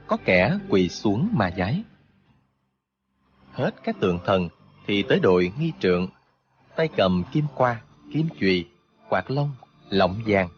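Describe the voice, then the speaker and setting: A man narrating a martial arts novel for an audiobook, in an expressive, steady storytelling manner. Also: fairly low pitch, lo-fi sound.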